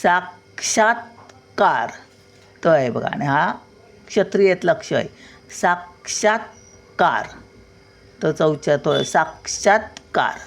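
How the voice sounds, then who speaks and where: A woman's voice: low-pitched, creaky, a little mellow. An older woman teaching pronunciation word by word, stretching out syllables and repeating each word patiently. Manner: drawn-out syllables, patient repetition. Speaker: Marathi language teacher. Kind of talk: slow word-by-word pronunciation lesson.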